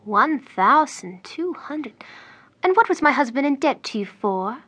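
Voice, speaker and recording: A haughty widowed lady of an estate, as a woman acts her out, formal and dignified in every line. Her voice sits high and sounds bright. It is a stage-play style performance. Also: sing-song, measured pace, exaggerated voice.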